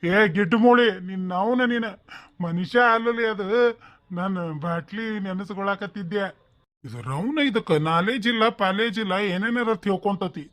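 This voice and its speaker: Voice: medium pitch, normal speed, a bit bright, natural voice. A performer voicing a lazy, boozy old village father-in-law in a cartoon comedy, grumbling in a North Karnataka Kannada accent. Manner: grumbling, complaining.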